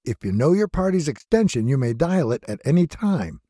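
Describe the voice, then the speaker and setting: A man voicing scripted, polite phone system prompts in a measured, even way. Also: on the high side, no echo. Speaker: phone menu voice-over artist.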